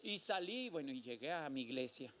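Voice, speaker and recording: A man preaching a sermon, telling a personal testimony and calling listeners brother, building to drawn-out shouted exhortation. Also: medium pitch, very animated.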